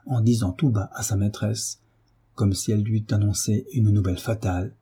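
A man reading a classic novel aloud, measured and even. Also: on the low side, breathy edge. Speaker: audiobook reader.

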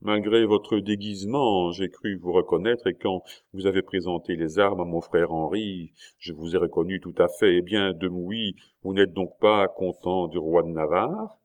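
A cold, sly young duke with a deep voice, as a male audiobook reader plays him. He talks in a soft, insinuating tone and coaxes out secrets. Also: steady tone, moderate pace, hardly any pauses, lightly acted. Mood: probing. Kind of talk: audiobook character reading.

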